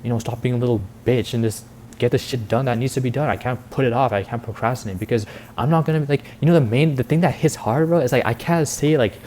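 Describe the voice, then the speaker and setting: With medium pitch, a quick pace, and a darkish tone, an eighteen-year-old vlogger rambles in a casual, confessional way. His monologue leans hard on youth slang and filler words, especially "like" and "bro," fitting his role as a content creator. The recording has a little hiss or hum.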